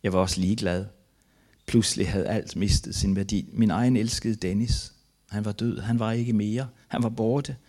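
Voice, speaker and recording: An older man from Denmark, a missionary giving a testimony, reads aloud from his own memoir in an earnest, grief-laden and halting way. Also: fairly low pitch, steady tone, a little mellow.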